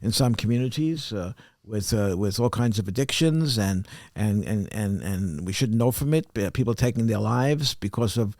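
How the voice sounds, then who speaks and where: A man's voice: fairly low pitch, lively intonation, normal speed, few pauses, a little mellow, no room sound, studio quality. A man co-hosting a podcast in casual debate chat, talking hesitantly with restarts and wry remarks. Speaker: podcast co-host.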